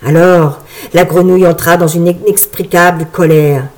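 A woman narrating a storybook in a measured, even storytelling manner. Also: on the low side. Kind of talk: storybook reading.

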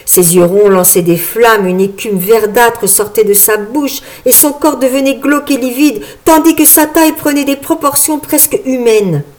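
A woman narrating a storybook in a measured, even storytelling manner. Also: fairly high pitch. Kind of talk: storybook reading.

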